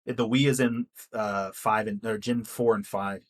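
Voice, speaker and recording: A man's voice: fairly low pitch, steady tone, a little slow. A young man co-hosting a podcast in casual chat, rambling and swearing freely. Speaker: podcast co-host.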